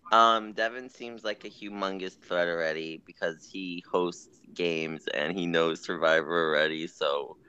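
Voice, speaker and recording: A man's voice: sits low, pushed and bright, clear, resonant tone. A young man in casual group chat on a call, talking animatedly and coughing between thoughts. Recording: dull lo-fi voice call.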